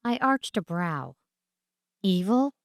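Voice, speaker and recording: Fantasy fiction is read here by a woman with a fairly low voice, her narration deliberate and theatrical, built around dramatic pauses. It's recorded close up and completely dry.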